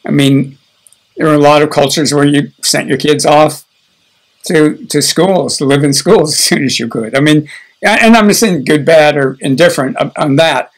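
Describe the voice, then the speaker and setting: An older man teaching a guided healing session in a relaxed, conversational way, chuckling now and then and often restarting his sentences. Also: on the high side, normal speed, poor audio.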